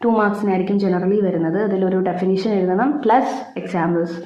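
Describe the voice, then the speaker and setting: A woman's voice: medium pitch, steady tone, a little fast, dark tone. A woman with a Malayali accent teaches a school biology lesson, switching between Malayalam and English mid-sentence and repeating key points in an explanatory way. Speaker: biology teacher for an online channel. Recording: roomy echo, slightly dull sound.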